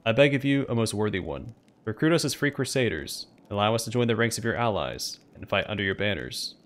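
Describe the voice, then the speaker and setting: A man's voice: on the low side, animated, a little fast, a bit bright. A man voicing a solemn, earnest talking tree, a treant with formal, grand oratory, in game dialogue read aloud. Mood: grand, pleading.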